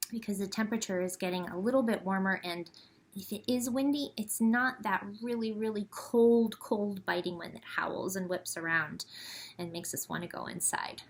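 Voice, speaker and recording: A woman with a medium-pitched voice hosts a children's storytime at the library. She reads and chats in simple, expressive phrases, speaking directly to the young listeners.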